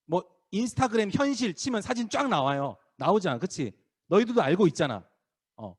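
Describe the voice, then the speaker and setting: Lively youth pastor, man. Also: high voice. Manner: lively, acts out crowd voices, teasing students by name. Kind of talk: sermon to middle schoolers. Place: small church worship room.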